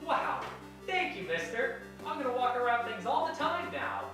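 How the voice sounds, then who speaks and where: A woman's voice: medium pitch, lively intonation, moderate pace, close to an everyday voice. A woman playing a naive, wide-eyed learner in a parody instructional video, exaggeratedly earnest and childlike. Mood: amazed, grateful. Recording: echoey, distant mic under music.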